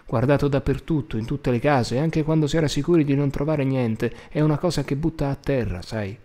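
A man's voice: mid-range voice, fairly quick, mellow, natural voice. A man voicing a discouraged young man in an audiobook, speaking in a subdued, wry way.

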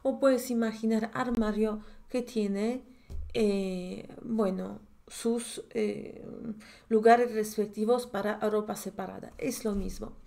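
A woman in her thirties with a Polish accent speaks slowly in a warm, creaky, medium-pitched voice with fairly even intonation. Seated at a desk indoors and captured by a webcam in a corner of a screen share, she leads a chatty, explanatory online grammar lesson. She checks in with the listener often, asking "¿sí?"

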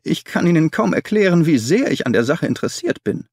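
Brief: male narrator plays a timid little man, trembling and whimpering, voice pushed high. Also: sing-song, fairly quick, a little mellow, breathy edge, no room sound, studio quality, heavily acted. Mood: eager. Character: small frightened nervous man. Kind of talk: audiobook character voice.

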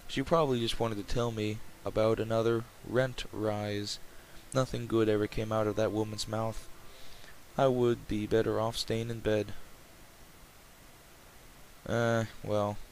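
A man's voice: on the low side, level tone, unhurried, poor audio. Casual man reading aloud over background noise. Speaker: let's player reading a visual novel aloud. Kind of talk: reading game text aloud with casual asides. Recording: clear background noise, game ambience.

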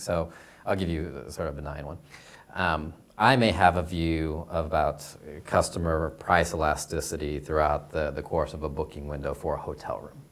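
A man speaking as a panelist in a lecture hall, deliberate and measured. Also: extremely low pitch. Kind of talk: panel discussion.

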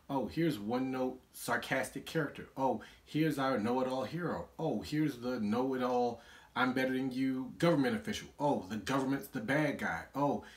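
A young man hosting his own vlog, reviewing a movie in an animated, exasperated rant with sarcastic asides. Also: mid-range voice. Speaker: vlog host.

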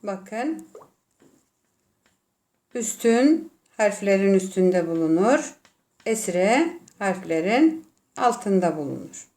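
A woman teacher with a Turkish accent, slowly explaining Arabic vowel marks and sounding out letters one by one. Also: mid-range voice, very animated, a little mellow. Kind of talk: classroom lesson.

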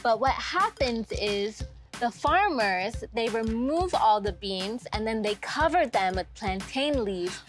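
A woman's voice: fairly high pitch, animated, slow pace, faint music behind. Woman patiently explaining how chocolate is made. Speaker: chocolate maker guest. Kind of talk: explaining to children.

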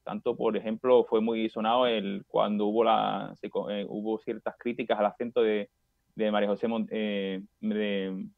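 A man interviewing a guest, asking long, halting questions full of restarts. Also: lowish voice, little pitch movement, gravelly, no room sound. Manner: hesitant, many fillers and restarts. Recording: dry tinny phone-like line.

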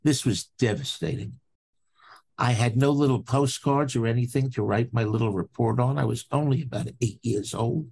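An older man from Brooklyn, a professor telling a story from his childhood in a podcast interview, slow and deliberate with dramatic pauses. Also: mid-range voice, vocal fry, a little mellow, slightly rough. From Brooklyn, New York. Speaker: anatomy professor, guest.

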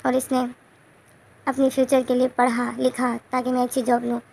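A woman's voice: sits high, monotone, moderate pace, gravelly, a little mellow, a little hiss or hum. A woman voicing a remorseful father who confesses why he treated his son harshly. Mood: regretful. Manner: confessional, regretful.

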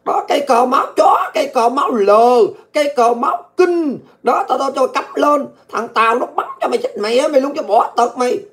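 A woman delivering angry political commentary, ranting abusively and often shouting. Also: high voice, animated, normal speed, hardly any pauses. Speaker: political vlogger.

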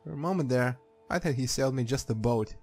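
A man's voice: medium pitch, fast talker, darkish tone. A man giving casual, sweary playthrough commentary, reacting aloud as he plays a game. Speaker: gamer. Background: game music.

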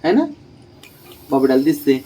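A man's voice: medium pitch, lively intonation, normal speed, mellow. A man casually talking to his pet cats at home, coaxing them with affectionate baby talk. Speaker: pet owner vlogger.

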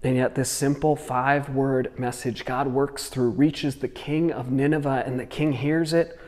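Pastor telling a lively Bible story. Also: male voice, mid-range voice, unhurried, long reverb tail. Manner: lively storytelling with dramatic retellings. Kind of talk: short video sermon.

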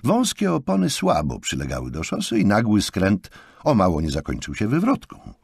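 Gravelly low guy reading an audiobook, very lively, dry close sound. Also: normal speed, dry recording. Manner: expressive, animated reading. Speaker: audiobook narrator. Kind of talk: scripted audiobook narration.

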